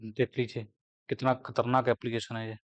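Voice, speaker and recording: A man teaching a maths lecture, explaining step by step and asking and answering his own questions. He slows right down whenever he dictates a formula. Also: mid-range voice, little pitch movement, highs cut off.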